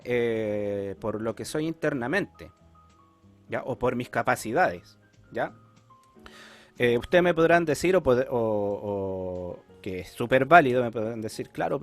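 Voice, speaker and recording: A Chilean man lecturing in an online class, his voice sitting fairly high for a man. He explains step by step and keeps checking in with his students. Soft music plays faintly behind him. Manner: explanatory, checks in often with "¿ya?" and "¿cierto?". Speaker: teacher.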